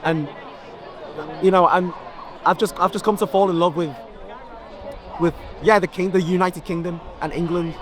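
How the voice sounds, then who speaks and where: A man's voice: high voice, steady tone, normal speed, long pauses, some chatter behind. A man at an outdoor rally talking earnestly and hesitantly, often repeating words. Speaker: rally attendee.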